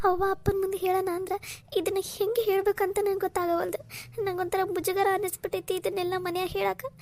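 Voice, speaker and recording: Woman voicing a tearful cartoon college girl. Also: extremely high pitch. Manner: tearful, pleading, soft. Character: young woman college student, frightened younger sister. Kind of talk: cartoon voice acting.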